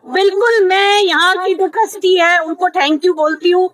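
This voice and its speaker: A woman's voice: very high-pitched, fairly even intonation, normal speed, a bit bright, no room sound, rough recording. A middle-aged woman from Rajasthan, a devotee giving a street interview, who speaks earnestly and emotionally and repeats her phrases. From Jodhpur, Rajasthan.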